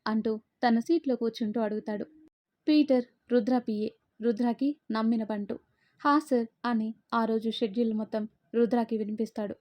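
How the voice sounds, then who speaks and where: A woman narrating a romance story, voicing the lovers' banter herself in a lively way. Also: a little high, normal speed, dry recording. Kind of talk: dramatic story reading. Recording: dull, muffled dry recording.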